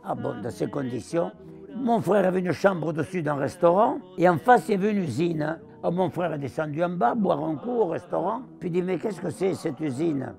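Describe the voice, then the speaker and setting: A man in his nineties with a southern French accent and a gravelly voice, telling his wartime memories as an interviewee and acting out the voices he quotes. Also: a little high, normal speed, soft background music. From southern France. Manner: animated, acts out the voices he quotes. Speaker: interviewee, war veteran. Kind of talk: storytelling recollection.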